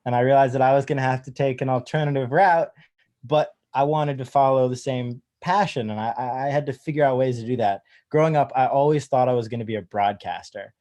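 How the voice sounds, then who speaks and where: A man's voice: mid-range voice, fairly quick. A young man in his late teens, a guest on a video call, telling his story casually with lots of fillers. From United States. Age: young adult. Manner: relaxed storytelling with many fillers. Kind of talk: casual interview.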